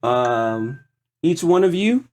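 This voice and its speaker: A man working as game master, narrating a tabletop roleplaying game in a halting, piecemeal way. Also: fairly high pitch, big pitch swings, darkish tone.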